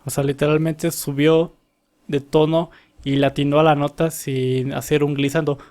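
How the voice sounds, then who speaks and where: Casually breaking down how a singer uses their voice, this young vocal coach stops now and then to sing brief demonstrations. His voice sits on the high side with a flat delivery and moderate pace, and music plays in the background.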